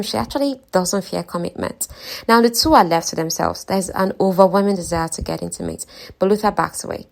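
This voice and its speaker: A woman's voice: fairly low pitch, creaky. A woman casually retelling a fantasy novel's story, chatting to her listeners with offhand asides. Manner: chatty, conversational, talks to listeners. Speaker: book recap narrator.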